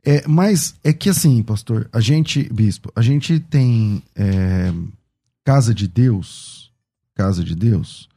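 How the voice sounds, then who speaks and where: A Brazilian man moderates a debate with a very dark, mellow voice that carries a husky edge. He poses his questions in a measured, conversational way. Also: on the low side. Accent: Brazilian Portuguese. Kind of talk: debate on worship.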